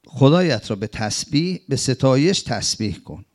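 A man teaching a sermon-style commentary on scripture, asking rhetorical questions and swinging between emphatic high phrases and low murmured ones. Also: big pitch swings, a little mellow. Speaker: religious teacher.

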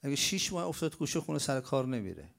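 A man preaching a religious lecture, asking rhetorical questions and answering them himself, swinging between loud bursts and quiet stretches. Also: mid-range voice, big pitch swings, vocal fry.

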